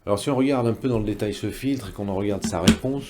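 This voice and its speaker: Fast-paced and fairly low-pitched, a slightly mellow male presenter teaches electronics. He works through a technical tutorial methodically, rephrasing each step for clarity.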